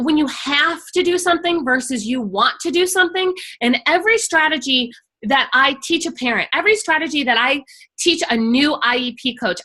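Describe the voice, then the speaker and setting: A middle-aged woman who coaches on IEPs hosts a casual, conversational workshop, speaking with emphatic passion. Her high voice sounds pushed and bright.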